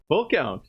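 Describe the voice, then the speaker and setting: A man with a Canadian accent doing play-by-play baseball commentary, chatty and quick to laugh at himself. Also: a little high, husky. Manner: chatty, self-deprecating, laughs easily. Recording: dull lo-fi stream audio.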